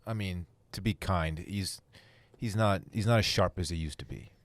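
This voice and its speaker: A man's voice: sits low, moderate pace, dry recording. A man chatting casually as a panelist on a sports podcast.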